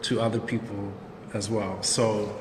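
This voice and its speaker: A man co-hosting a live chat, speaking in an earnest and measured way about personal struggles. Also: on the low side, little pitch movement, long reverb tail, background noise. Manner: measured, heartfelt, speaks in long sentences. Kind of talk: earnest, reflective sharing.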